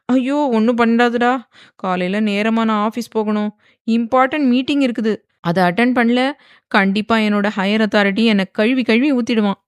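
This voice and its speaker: Casting: a teasing, pouty young wife with quick comebacks, read by a woman narrator. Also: medium pitch, a little mellow, no echo, studio quality, natural voice. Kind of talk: dramatized audiobook reading.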